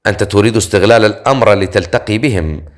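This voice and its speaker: A man's voice: lowish voice, fast, lightly acted. A man voicing a stern male master of the forest in an audiobook, speaking with cold, curt warnings.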